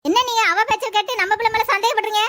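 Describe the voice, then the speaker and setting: A woman's voice: extremely high pitch, fairly even intonation, rapid-fire, bright, forceful tone. A woman voicing a fierce, protective middle-aged mother who scolds harshly in a family skit. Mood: angry.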